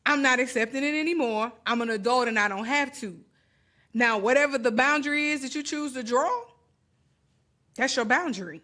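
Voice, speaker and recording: A woman's voice: high-pitched, moderate pace, sharp tone. A woman co-hosting a casual podcast panel, speaking firmly and directly. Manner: firm, direct, emphatic about boundaries. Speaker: podcast co-host.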